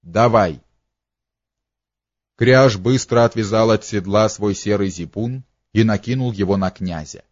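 A man's voice: fairly low pitch, moderate pace, few pauses, darkish tone, no room sound, muffled recording. A man narrating a historical novel as an audiobook, telling it steadily with a slight dramatic lift.

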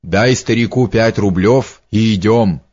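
A man's voice: lowish voice, measured pace, a little mellow. A man voicing a commanding young male prince who gives short orders, in a dull lo-fi audiobook recording.

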